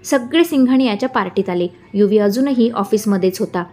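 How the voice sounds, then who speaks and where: A woman reads a romance story aloud in a calm, steady voice, with a medium pitch that sits in the middle of the range. Faint music plays softly behind her. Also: brisk. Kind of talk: scripted story narration. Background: faint background music.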